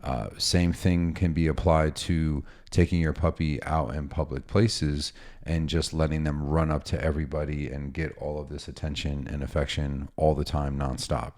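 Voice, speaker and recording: A man who works as a dog trainer, talking casually and explaining with examples and asides in a relaxed, instructional way. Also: extremely low pitch, moderate pace.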